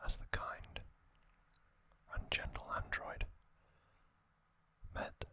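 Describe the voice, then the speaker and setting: An ASMR host narrates a scripted story in a crisp, bright whisper. He goes very slowly and deliberately, splitting it into short, hushed phrases.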